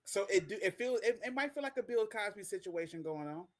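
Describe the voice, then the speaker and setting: A man's voice: sits high, lively intonation, fast. A man co-hosting a podcast, joking in casual chat with hesitant starts. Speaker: podcast co-host.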